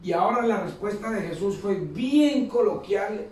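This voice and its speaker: A man's voice: sits high, animated, a little slow, darkish tone. A man preaching a sermon in a conversational way, repeating phrases and asking for amens. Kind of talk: Pentecostal-style sermon. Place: church hall. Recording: echoey hall, mic far off.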